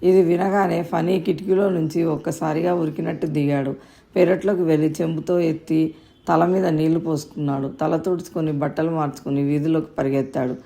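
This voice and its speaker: A woman narrating a storybook in a steady, calm reading voice. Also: sits low, a little fast, gravelly. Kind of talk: scripted narration.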